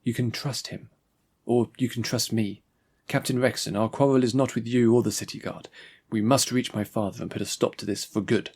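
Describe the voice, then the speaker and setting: Man voicing young princess, resolute, urgent, persuasive, husky gravelly voice, audiobook story. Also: medium pitch, steady tone, moderate pace, a little mellow.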